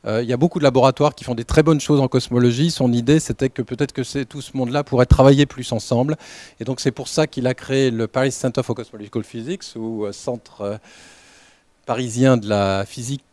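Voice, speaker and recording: Man, lab director, welcome talk, hesitant, full of fillers, warm tone, dry sound. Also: mid-range voice, steady tone, no room sound. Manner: halting, many fillers and restarts. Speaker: lab director opening a training session.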